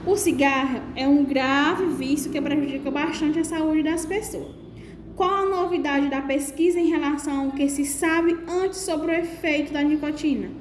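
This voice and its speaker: A woman with a Brazilian accent teaches a lesson, speaking high and explaining slowly with frequent fillers and restarts. Her voice rings in an echoey room at home, with faint noise behind it. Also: fairly even intonation. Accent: Brazilian Portuguese. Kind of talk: lesson on a reading exercise.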